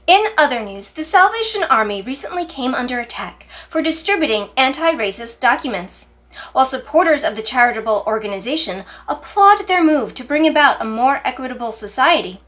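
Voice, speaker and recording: A woman's voice: sits high, a bit bright. A woman reading scripted mock news as a parody news anchor, with formal, emphatic delivery.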